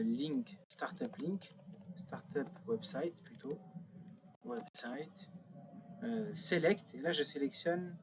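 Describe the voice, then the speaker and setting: A man's voice: mid-range voice, fairly bright tone, slight background noise. A man thinking aloud through a screen-recorded tutorial, with many fillers and self-corrections as he clicks. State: a bit nervous. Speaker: instructor.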